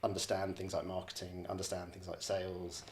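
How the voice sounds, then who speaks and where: With a low, darkish voice and a completely flat delivery, this man talks fairly quickly. He's a real estate director from the borders of Scotland, answering a podcast question in a casual, reflective way, hesitating and rephrasing often. A little hiss or hum runs under the recording.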